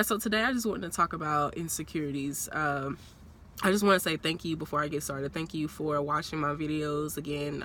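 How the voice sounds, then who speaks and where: A young woman in her twenties chats to her phone from the seat of a parked car, rambling and laughing easily. Her voice is bright but a little stuffy and nasal from a cold. A faint outdoor hum sits under the recording. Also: sits low. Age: young adult. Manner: chatty, rambling, laughs often. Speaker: vlogger. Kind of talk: casual talking-head vlog. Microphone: phone propped on a purse.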